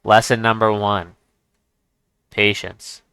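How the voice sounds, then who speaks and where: A man's voice: fairly low pitch, little pitch movement, slow pace, sharp tone, smooth, no echo. A man giving casual chess commentary as he plays, thinking aloud and restarting his sentences. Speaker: chess streamer.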